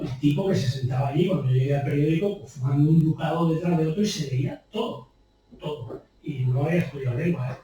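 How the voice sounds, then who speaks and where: Warm in tone and fairly high in pitch, a man from Spain gives a chatty, anecdotal talk as a copy editor, dropping in rhetorical questions. It's a distant, very echoey recording from a bookshop event room, with slight background noise.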